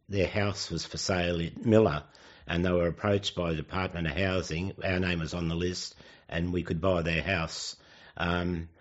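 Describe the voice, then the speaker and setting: An elderly Australian man in his seventies with a low voice, reminiscing for an interviewer. He speaks haltingly, pausing and correcting himself as he recalls his life. The recording is dull and lo-fi. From Sydney, Australia. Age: 70s. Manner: halting, with hesitant pauses and self-corrections. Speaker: oral history interviewee.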